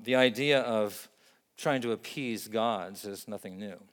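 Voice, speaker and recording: A Vietnamese-raised male pastor delivers a sermon in a steady, earnest, middle-pitched voice. His preaching is measured and leans on emphatic lists, and the church hall around him echoes.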